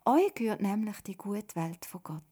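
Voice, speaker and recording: Lady doing a calm preacher man, slow, swiss german, husky storybook. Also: mid-range voice. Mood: solemn.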